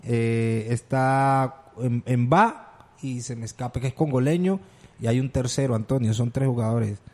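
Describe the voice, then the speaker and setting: A man's voice: medium pitch, a little slow, mellow. A man co-hosting a casual football chat, agreeable and fond of reading out statistics. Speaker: sports radio co-host.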